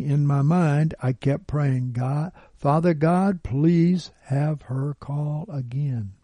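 A man reads a first-person testimony aloud in a measured, earnest manner. His voice is husky and very dark, and his pace is slow. The sound is dry and close to the mic. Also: medium pitch, no echo. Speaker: radio teacher reading a testimony. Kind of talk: read-aloud narration.

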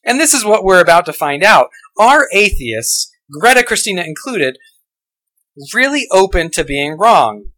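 A man's voice: sits high, big pitch swings, a little slow, sharp tone, low-quality recording. A man hosting a podcast, delivering a scripted rebuttal in a sarcastic, argumentative way, with many pointed rhetorical questions. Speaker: podcast host and blogger.

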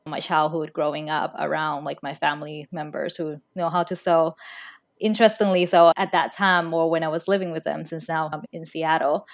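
Relaxed woman from Thailand, low voice. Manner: thoughtful, relaxed, with fillers like "you know" and "like". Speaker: podcast guest, fashion brand founder. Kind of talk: casual interview conversation.

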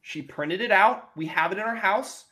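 Brief: male podcast guest, comic storyteller, self-mocking, slightly high-pitched. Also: moderate pace. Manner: animated, self-mocking, jumps between hushed and loud.

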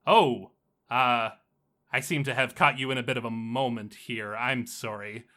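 A game master voicing a chatty mystery boss who speaks through a drone, with a metallic voice and lots of stammered restarts. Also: male voice, medium pitch, unhurried, sharp tone. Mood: smug. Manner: chatty, faltering, full of restarts.

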